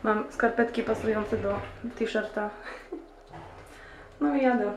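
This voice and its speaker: A woman's voice: steady tone, slow. A woman in her twenties from Poland chatting casually to her camera in an offhand, slangy, rambling way. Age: 20s. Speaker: vlogger. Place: outdoors on streets and platform, aboard a train. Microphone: camera microphone at arm's length. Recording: noisy handheld camera, traffic and travel rumble.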